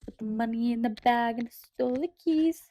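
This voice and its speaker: A woman's voice: fairly high pitch, normal speed, dry recording, muffled recording. A young woman co-hosting a podcast, giggly and joking at her sister's expense. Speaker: podcast co-host. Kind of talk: casual chat.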